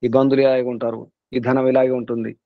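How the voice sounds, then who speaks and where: An earnest Telugu guru leads a spiritual class and drives his points home through repetition. His mid-pitched voice comes through dry and slightly muffled. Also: flat delivery, fast talker, no room sound.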